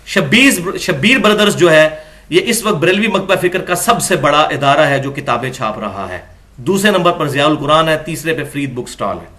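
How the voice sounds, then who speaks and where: Guy lecturing on religion, high voice, gets emphatic n argumentative. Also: lively intonation, sharp tone. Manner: argumentative, rising to emphatic peaks. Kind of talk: lecture reading from books.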